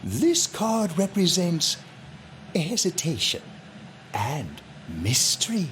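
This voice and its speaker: An actor voicing a mysterious, courteous old male fortune teller in a video game, with a slow, formal, ominous delivery. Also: a little high, sing-song, a bit bright, slight background noise, heavily acted. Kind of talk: video game character acting. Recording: game audio with music behind.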